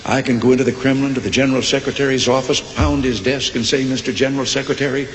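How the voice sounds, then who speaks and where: An older man quoting a deadpan Russian joker. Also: mid-range voice, fast, a little hiss or hum, natural voice. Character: boastful Russian man in a joke. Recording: archive speech in a large hall.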